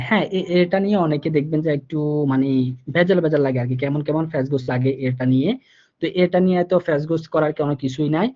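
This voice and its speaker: A man with a slightly higher voice teaches an online language class. He explains each rule step by step, circling back often with fillers. The recording sounds a little dull and lo-fi. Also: a little mellow. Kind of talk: live online class lesson.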